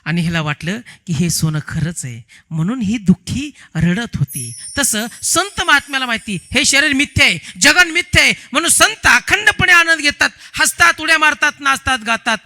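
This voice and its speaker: A man preaching a devotional sermon, telling parables in an animated way and asking the audience rhetorical questions. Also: extremely high pitch, moderate pace. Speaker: kathakar preacher.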